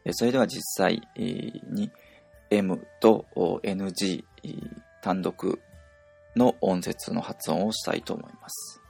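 A man teaching a pronunciation lesson, explaining slowly with many hesitation fillers. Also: low voice, fairly even intonation, gravelly, darkish tone, breathy edge, faint music behind. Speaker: language teacher.

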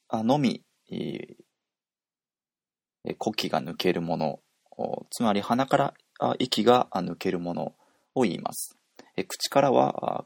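Slow, gravelly male language teacher. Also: deep voice, darkish tone, no echo, clean studio sound. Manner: slow and halting, many "eh" fillers. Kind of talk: pronunciation lesson podcast.

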